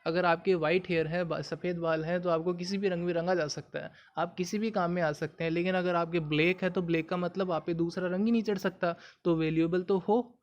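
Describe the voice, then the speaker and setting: A man with a fairly high voice and a Hindi accent, teaching English idioms. He explains patiently, repeats each point, and turns to the viewer with questions. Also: fairly even intonation, brisk, hardly any pauses, highs cut off. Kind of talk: explaining idioms in a video lesson.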